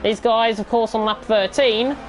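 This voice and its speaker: A woman's voice: a little high, fairly even intonation, moderate pace, soft background music. A woman giving live motorsport commentary on an online race, exclamatory and repeating phrases for emphasis.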